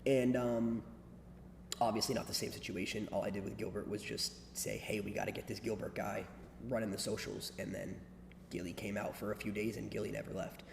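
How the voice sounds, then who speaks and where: A man's voice: fairly low pitch, fairly even intonation, fairly quick, vocal fry. A young man chatting casually to livestream viewers in slang and repeating himself. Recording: echoey reverberant room with background noise.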